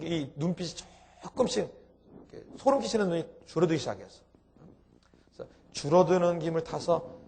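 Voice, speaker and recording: Gravelly, animated Korean pastor preaching. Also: male voice, on the high side, a little hiss or hum. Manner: animated storytelling with sudden loud exclaimed peaks. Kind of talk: sermon storytelling.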